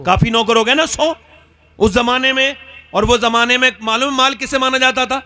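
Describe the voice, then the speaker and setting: Man, preacher, high pitch, sermon storytelling, rhetorical questions to the crowd. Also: moderate pace, bright, forceful tone, faint music behind. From northern India.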